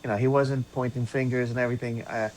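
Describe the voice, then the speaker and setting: A man co-hosting a casual sports fan podcast, speaking haltingly with many fillers and repeated words. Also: mid-range voice, little pitch movement, darkish tone, slight background noise. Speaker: podcast co-host.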